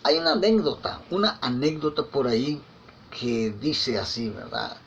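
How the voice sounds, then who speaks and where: A man's voice: mid-range voice, big pitch swings, moderate pace, slight background noise. A man preaching a conversational sermon, telling anecdotes with frequent tag questions and repeated words. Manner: repeats and restarts words often. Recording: slightly dull lo-fi with faint ambience.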